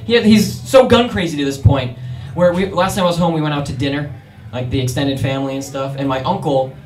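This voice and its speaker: A man's voice: a little high, a little fast, noisy background. A young man performing a stand-up comedy set in a club, telling stories with energy and acting out voices. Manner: energetic storytelling, acts out voices. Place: comedy club in front of a crowd. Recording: roomy club sound from a distance with audience.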